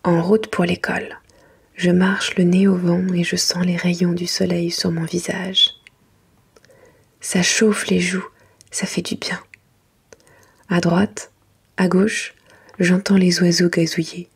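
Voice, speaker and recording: Breathy woman whispering a bedtime story softly. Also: lowish voice, flat delivery. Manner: gentle, hushed like a library whisper, unhurried careful reading. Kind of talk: soft whispered ASMR reading of a children's bedtime storybook.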